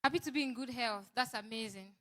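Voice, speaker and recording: A woman's voice: a little high, fast, fairly bright tone. A woman hosting a seminar, welcoming the audience, asking them questions and echoing their answers. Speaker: seminar host.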